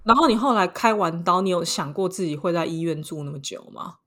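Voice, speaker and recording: A woman with a Taiwanese Mandarin accent co-hosting a casual podcast chat, telling a story with lively swings between hushed and excited delivery. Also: fairly low pitch, a little fast. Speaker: podcast co-host.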